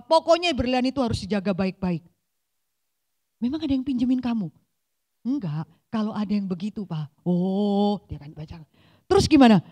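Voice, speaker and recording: A woman, preaching a sermon in a church, telling stories and acting out the voices in them. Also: a little high. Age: 40s. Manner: lively storytelling, acting out voices in dialogue. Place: church hall.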